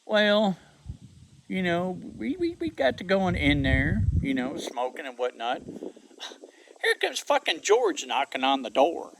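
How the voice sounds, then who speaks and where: Man, slightly high and raspy-gravelly, lively swinging pitch, unhurried profane storytelling rant. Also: a little hiss or hum, low-quality recording. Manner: profane, rambling, drawn-out delivery. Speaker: vlogger.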